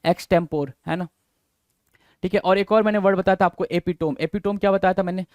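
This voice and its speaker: High pitched guy teaching vocab, keeps repeating words and quizzing, dry close sound. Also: fairly even intonation, a little fast, darkish tone, no echo. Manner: drills words, repeats and spells them out, asks students questions. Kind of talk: exam-prep lesson.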